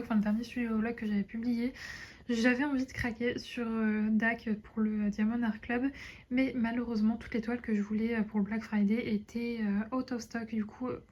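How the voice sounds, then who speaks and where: Chatty young woman vlogging from home. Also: on the high side. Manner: chatty, relaxed, lots of hesitations. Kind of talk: casual chat to camera. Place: at home by her desk. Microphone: phone camera.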